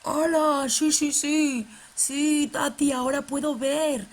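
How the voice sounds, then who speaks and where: A woman voicing an excitable, scatterbrained boy puppet who keeps exclaiming eagerly in a children's church show. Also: sits high, slow, pitched above the performer's own voice. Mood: excited.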